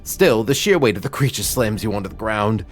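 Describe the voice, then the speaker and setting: A man streaming, reading a visual novel's narration aloud in a steady voice with occasional stumbles. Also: on the low side, brisk. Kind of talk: reading game text aloud.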